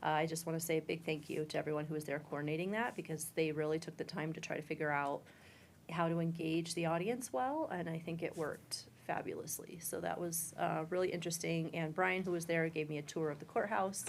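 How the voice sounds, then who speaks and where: A councilwoman with a low, gravelly voice reports to the council in a chamber. She sounds upbeat and appreciative, with a few ums along the way. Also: fairly even intonation, fairly quick, slight background noise. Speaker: city councilor.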